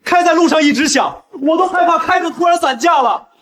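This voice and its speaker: Man voicing a high-pitched whiny young guy, all bluster and no nerve, always begging off. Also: fairly quick, fairly bright tone. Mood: indignant. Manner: whiny, pleading, defensive. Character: cowardly boastful young brother-in-law driver.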